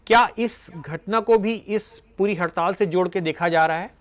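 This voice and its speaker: A man's voice: high-pitched, moderate pace. A male news anchor reading a report and putting formal questions to a reporter.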